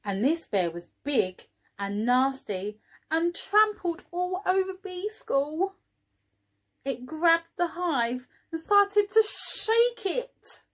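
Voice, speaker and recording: Animated woman reading a children's storybook slowly. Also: sits high. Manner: expressive, pauses for asides to child listeners. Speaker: early years teaching assistant reading a storybook. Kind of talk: animated picture-book reading for young children.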